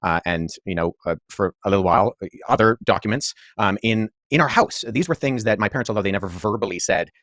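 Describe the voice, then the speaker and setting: A man in his thirties, a historian guest in a podcast debate, speaking in an articulate, measured way with many asides. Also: fairly low pitch, fairly bright tone, no echo, clean studio sound. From Pakistan-born, raised abroad.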